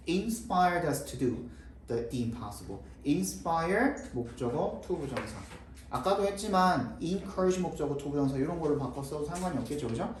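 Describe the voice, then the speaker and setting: A man tutors students through English grammar. He explains patiently and checks in with them often. His voice is lively and rather high, and it sounds distant in a roomy room with faint background noise. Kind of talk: classroom grammar lesson.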